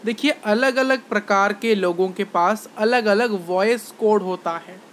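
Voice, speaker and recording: At a measured pace, a male science teacher with a high, somewhat bright voice runs an online lesson, with slight noise in the background. He restates points, asks his students questions, and switches between Hindi and English phrases.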